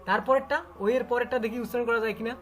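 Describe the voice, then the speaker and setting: Soft music plays in the background as the Bangladeshi Bengali–accented English literature teacher talks fast in a steady, mid-range voice. In the online class, she repeats sounds over and over and quizzes her students.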